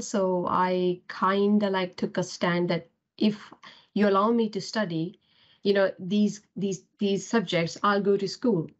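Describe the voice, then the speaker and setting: A woman's voice: mid-range voice, darkish tone. A woman from Pakistan, a podcast guest reflecting earnestly on her upbringing and career in conversation. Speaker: podcast guest, cloud architect. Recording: dull lo-fi podcast audio.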